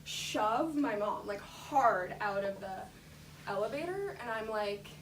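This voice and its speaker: A woman's voice: mid-range voice, lively intonation, takes it slowly. A young adult woman telling a casual story full of fillers, often laughing as she talks. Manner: lots of fillers, frequent laughter. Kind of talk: casual anecdote. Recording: echoey room, distant mic, background noise.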